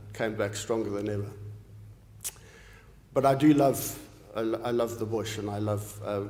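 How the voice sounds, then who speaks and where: A man's voice: medium pitch, dark tone. Man from zimbabwe, late 40s, academic lecture, earnest with ums and restarts, roomy echo, long hall reverb. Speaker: professor giving an inaugural lecture.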